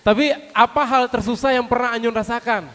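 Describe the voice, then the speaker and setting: A man's voice: extremely high pitch, fairly even intonation, a little fast, a bit bright. A man from West Java with a Sundanese accent hosting a casual interview, playfully prompting with questions and echoing answers. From West Java, Indonesia. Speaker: interview host. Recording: long hall-like reverb.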